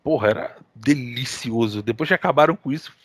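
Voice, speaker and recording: A man with a Brazilian accent hosting a gaming podcast, telling stories in casual, animated chat full of slang and swearing. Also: mid-range voice, a little fast, no room sound. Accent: Brazilian Portuguese. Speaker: podcast co-host.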